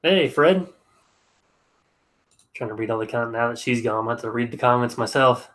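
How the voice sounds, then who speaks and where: An excavation contractor chats casually on a home livestream, his nose stuffed up, reading out comments in an easygoing, rambling way with frequent restarts. His voice is mid-range and fairly bright, at a normal speed.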